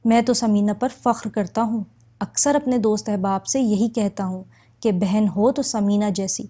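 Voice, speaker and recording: A woman's voice: mid-range voice, steady tone, dark tone, close to an everyday voice. A woman voicing a young elder brother who speaks of his sister with earnest pride. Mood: proud. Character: young man, elder brother, proud and loving.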